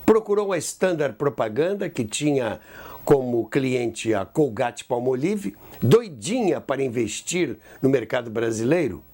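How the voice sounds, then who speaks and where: A Brazilian man hosting and narrating a radio history podcast delivers a scripted story in a theatrical style with conversational asides. His mid-range, slightly mellow voice swings widely in pitch, and he speaks a little slowly.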